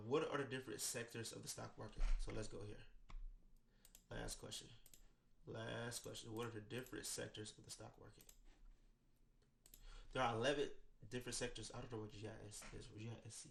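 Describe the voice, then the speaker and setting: This man, a finance educator with an American accent, is congested from a cold as he gives a loose, conversational explainer to camera, leaning on "right?" tags. He uses a studio desk microphone and headphones, and his mid-range voice sounds gravelly and fairly bright, with slight hiss or hum.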